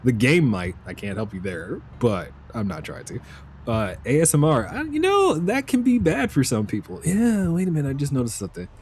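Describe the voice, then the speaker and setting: A man giving relaxed, chatty live commentary while streaming a survival game, laughing often. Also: mid-range voice, brisk, a little hiss or hum.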